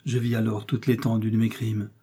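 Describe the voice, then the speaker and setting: A man reading a story aloud in a grave, steady narration. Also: fairly low pitch, brisk, husky. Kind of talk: audiobook reading.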